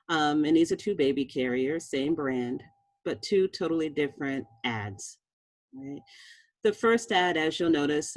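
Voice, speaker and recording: A woman's voice: low voice, no echo. A woman in her fifties from Boston, a physician giving a conversational presentation who keeps checking in with her audience. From Boston, USA. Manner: conversational, checks in with "all right?" and "okay?". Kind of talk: presentation lecture.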